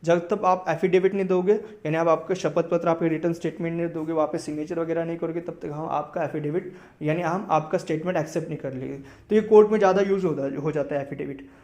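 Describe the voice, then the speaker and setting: A young Indian man teaching vocabulary, reading English sentences slowly and then explaining them in quick conversational talk, often checking in with "right?". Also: a little high, steady tone, a little mellow. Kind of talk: explaining lesson in Hindi and English.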